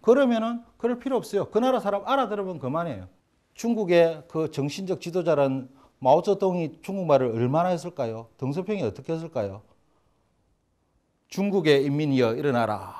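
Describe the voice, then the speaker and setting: A man's voice: fairly high pitch, lively intonation, fast, mellow. A man teaching a lecture on learning Chinese, blunt and joking, acting out examples in funny voices. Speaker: Chinese language instructor. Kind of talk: lively classroom lecture.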